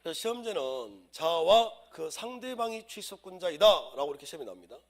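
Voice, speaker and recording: A man's voice: on the high side, very animated, a little fast. A man teaching civil law in an exam-prep lecture, drilling students with chants and acting out everyday scenes to explain the rules.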